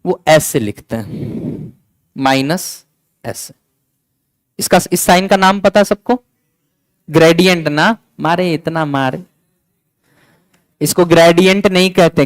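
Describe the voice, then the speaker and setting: A man's voice: on the high side, no echo, rough recording. A man teaching a physics lecture in mix, chatty and coaxing, repeating key points and scolding students playfully. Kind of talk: classroom lecture.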